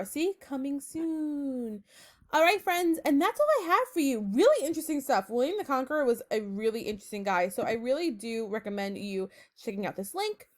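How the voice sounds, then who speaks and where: A young woman teacher giving a casual recorded online lesson, chatty and upbeat, with frequent ums and asides to her students. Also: sits high. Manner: chatty, upbeat, filler-heavy, addresses students as friends.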